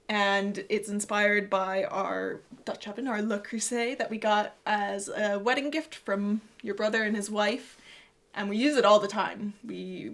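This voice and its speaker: A woman with a mid-range voice speaks as a podcast co-host. She explains things in a casual, conversational style, as a designer would when talking through her work. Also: mid-range voice.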